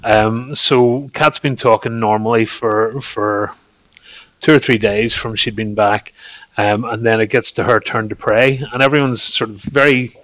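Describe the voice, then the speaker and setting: A man with a Northern Irish accent chatting casually as a podcast host, telling anecdotes in a hesitant, halting way. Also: lowish voice, steady tone, a bit bright, no echo, rough recording.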